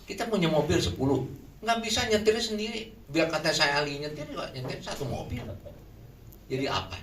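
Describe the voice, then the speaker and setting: A man preaching a sermon in a lively way, often putting questions to the congregation. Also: fairly high pitch, brisk. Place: shelter hall. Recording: echoey room from far off, faint noise.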